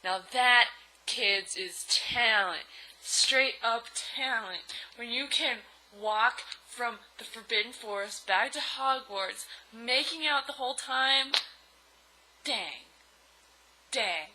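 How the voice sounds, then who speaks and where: A woman's voice: on the high side, slow, pushed and bright, rough recording. A woman giving a comedic dramatic reading of a bad story, breaking off for sarcastic, exasperated asides. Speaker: reader and commentator.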